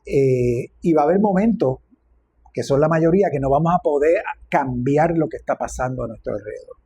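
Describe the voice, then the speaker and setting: A man preaching a reflective, gently humorous sermon as a minister. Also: on the high side, a little fast, slightly rough.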